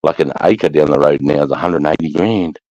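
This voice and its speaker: A man's voice: extremely low pitch, fairly quick, darkish tone, no room sound. A man with an Australasian accent chatting casually in a blokey, slangy way, swearing freely. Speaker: host of a live chat. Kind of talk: casual chat. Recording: dull lo-fi sound.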